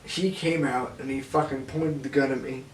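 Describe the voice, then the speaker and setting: A man's voice: mid-range voice, fairly even intonation, moderate pace. A young man casually telling a wild story in an interview, laughing often and swearing freely. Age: young adult. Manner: laughs often, profane, loose retelling. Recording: echoey room, mic far off, faint hiss.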